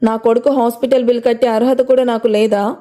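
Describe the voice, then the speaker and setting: Brief: woman reading a hot-tempered young father in a story, demanding and argumentative, slightly high and warm. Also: level tone, fairly quick, lightly acted. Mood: angry. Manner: shouting, then pleading. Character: angry insistent young father, demanding man.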